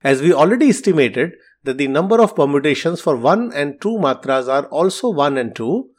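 Male podcast host, math teacher; animated pitch, slightly high, methodical and teacherly. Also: moderate pace. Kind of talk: scripted podcast explanation.

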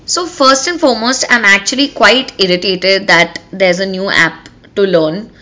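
A woman hosts a casual solo podcast in a North Indian accent. Her voice is bright and forward, sitting at an average pitch for a woman. She talks conversationally, mixing Hindi phrases into her English. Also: moderate pace. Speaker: podcast host.

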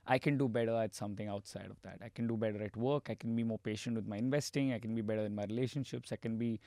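A man with an Indian accent giving casual, explanatory talk in a halting way as a podcast guest. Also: lowish voice, fairly even intonation, creaky, mellow, no room sound.

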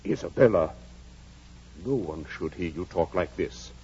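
A husky, fatherly old-time country doctor. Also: low-pitched, expressive, unhurried, darkish tone, exaggerated voice. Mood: grave. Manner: dryly witty, fatherly. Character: kindly blunt middle-aged country doctor. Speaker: Doctor Kenneth. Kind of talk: 1940s radio acting. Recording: dull old radio broadcast.

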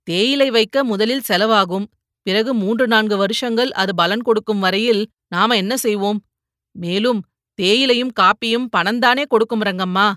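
A woman voicing a principled young farmer who reasons calmly, in an audiobook reading. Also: mid-range voice, normal speed, no echo, clean studio sound, lightly acted. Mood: earnest. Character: steady young farmer man, earnest and principled.

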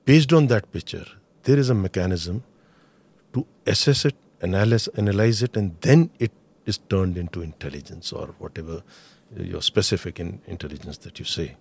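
Low-voiced Indian man mixing Hindi and English. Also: moderate pace, gravelly, a little mellow, breathy edge. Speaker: guest expert, former intelligence officer. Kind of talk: explanatory interview analysis.

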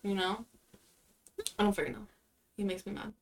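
A woman co-hosting a podcast in casual chat, blunt and quick to swear, who also reads listener stories aloud. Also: medium pitch, little pitch movement, gravelly. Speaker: podcast co-host.

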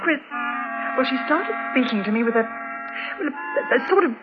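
A woman's voice: high voice, expressive, moderate pace, loud music behind the voice. An actress playing a worried young mother who narrates her story and talks hesitantly, breaking off mid-sentence, in a 1960s radio drama. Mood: anxious. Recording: dull lo-fi 1960s radio recording.

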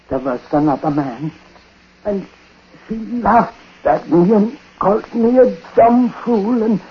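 An actor playing a dying, superstitious old uncle in a 1940s radio drama, speaking haltingly in short, weighty phrases. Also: male voice, sits high. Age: older. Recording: muffled, noisy 1940s radio recording.

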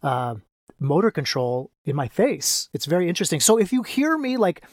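A man's voice: on the high side, big pitch swings, no room sound, clean studio sound. Slightly slurred, numb-mouthed male podcast host. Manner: rambling and halting, repeats himself. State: left side of mouth numb and paralyzed. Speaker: podcast host and men's coach. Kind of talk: casual solo podcast talk.

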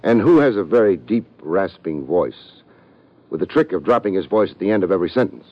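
On a muffled old recording, a man with a low, slightly mellow voice talks briskly, his intonation lively. He's acting in a 1940s radio drama as a dry, wisecracking hard-boiled private detective who narrates his own case in a wry mood.

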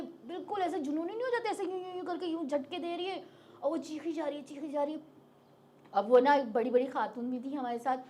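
A woman's voice: sits high, a little mellow. A middle-aged woman recounting a personal experience in casual, vivid detail as an interview guest. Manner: vivid, detailed retelling with acted-out quotes. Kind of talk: casual spoken storytelling.

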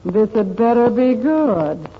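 An actress playing a sharp-tongued wife who grills her husband with sarcasm, in 1940s radio acting. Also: a little high, sing-song, slow pace. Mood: sarcastic. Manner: sarcastic, cutting. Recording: muffled old radio recording with hiss.

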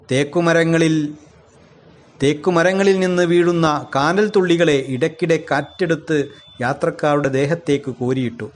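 A man reading a literary short story aloud in an unhurried narrating voice, with small self-corrections. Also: a little high.

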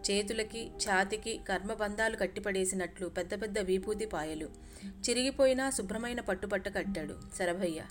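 A woman's voice: mid-range voice, moderate pace, faint music behind. A woman storyteller in a polite, chatty narration that speaks directly to her listeners.

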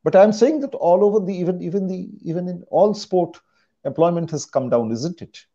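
A man's voice: high-pitched, lively intonation, a little fast, dark tone, dull audio. A man with an Indian accent in a casual panel discussion, repeating phrases for emphasis as a guest.

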